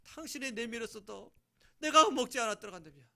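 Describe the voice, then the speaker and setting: A man's voice: extremely high pitch, expressive, fast talker, bright, forceful tone, voice pushed up, exaggerated voice. A man preaching takes the part of Adam, a remorseful husband who blames himself and pleads with his wife. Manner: pleading, self-blaming.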